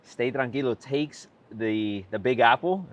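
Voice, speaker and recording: A man hosting a podcast, upbeat and welcoming in a casual interview, handing out shout-outs. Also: medium pitch, a little slow. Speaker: podcast host.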